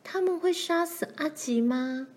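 A woman's voice: high voice, unhurried, darkish tone, voice pushed up. A woman voicing a timid little pioneer girl who speaks small and hesitant.

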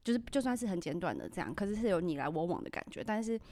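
A woman's voice: on the low side, sing-song, rapid-fire, dark tone, dry recording. A woman hosting a podcast in casual chat, laughing often and acting out the reactions she quotes. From Taiwan. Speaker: podcast host.

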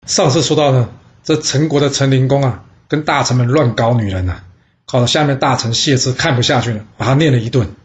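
Guy telling old history stories, chatty and lively, plain mid voice. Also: mid-range voice, a little fast, dull audio. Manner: chatty, lively storyteller voicing characters in dialogue. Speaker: storyteller host. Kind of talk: casual storytelling podcast.

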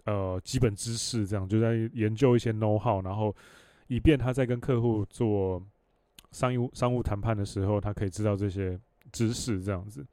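A man's voice: lowish voice, fairly even intonation, moderate pace, mellow, no room sound. Blunt, swearing Taiwanese podcast man. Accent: Taiwanese Mandarin. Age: 30s. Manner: blunt, profane, rambling. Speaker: podcast host. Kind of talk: casual solo podcast storytelling.

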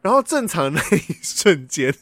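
A man's voice: a little high, very animated, normal speed, a bit bright, no room sound. A man, hosting a casual podcast and animatedly telling a dream story, acting out sounds as he goes. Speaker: podcast host.

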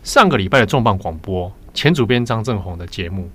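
A man with a Taiwanese Mandarin accent, hosting a podcast and telling stories in a relaxed, chatty way. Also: lowish voice, a little fast, husky. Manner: chatty storytelling, laughs easily. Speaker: podcast host. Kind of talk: casual chat.

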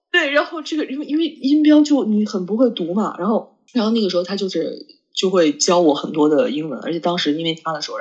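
A woman's voice: sits low, husky, lo-fi sound. A woman co-hosting a podcast, chatting casually with a friend, rambling with many fillers and restarts. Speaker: podcast co-host. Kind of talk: casual chat between friends.

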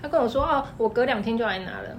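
A woman with a Taiwanese Mandarin accent, a clothing shop owner telling stories in an animated, emphatic way. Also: a little high, a little hiss or hum. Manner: animated, fast-talking, emphatic. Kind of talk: casual storytelling chat.

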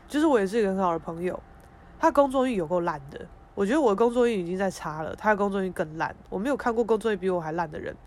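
A young woman hosts a podcast. She tells stories in a frank, expressive, emotional way and swears casually. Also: medium pitch. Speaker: podcast host. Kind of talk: casual storytelling monologue.

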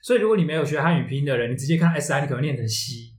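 A man's voice: on the high side, animated, racing. A man with a Taiwanese accent explaining things in a casual discussion, readily arguing his point. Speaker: podcast co-host. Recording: roomy echo, faint background noise.

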